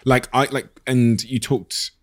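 A man's voice: medium pitch, flat delivery, slow pace. A man talking earnestly on a podcast, reflective and a little hesitant. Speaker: podcast guest. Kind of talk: casual podcast conversation.

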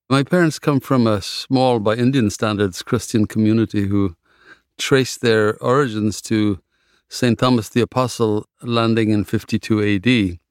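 A man raised in Ethiopia, a physician and novelist, answering interview questions in a measured, reflective way. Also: lowish voice, smooth, no room sound, studio quality.

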